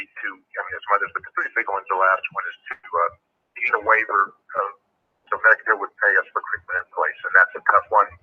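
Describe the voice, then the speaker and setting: Low-voiced man on a lo-fi phone line. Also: husky. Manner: halting, with many fillers and restarts. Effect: low-quality phone-line audio. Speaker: association representative giving a report. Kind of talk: spoken update at an online meeting. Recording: dull, lo-fi phone call audio.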